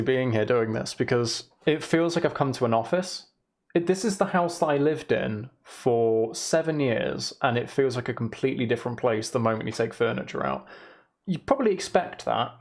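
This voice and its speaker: Creaky young man streaming in an echoing room. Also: medium pitch. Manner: rambling, chatty. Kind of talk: casual livestream chat. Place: emptied room in a house, indoors. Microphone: microphone attached to a shelf.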